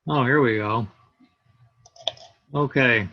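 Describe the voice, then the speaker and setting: Over a laptop video call, a male instructor teaches an online class, walking through things step by step and pausing to hunt for items on his screen. His voice sits at a medium pitch, and the sound is lo-fi.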